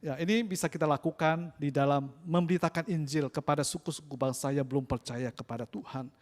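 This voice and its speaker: A man's voice: on the high side, steady tone, fairly quick. A man, a pastor, preaching a sermon with emphatic, repeated phrases that rise in stress. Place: church. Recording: church hall reverb.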